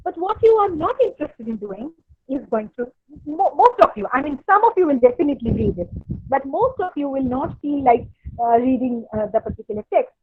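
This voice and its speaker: A woman's voice: high-pitched, expressive, fairly quick. A woman giving an online literature lecture, hesitant and full of fillers and restarts. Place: home, online workshop. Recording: dry, tinny phone-like audio.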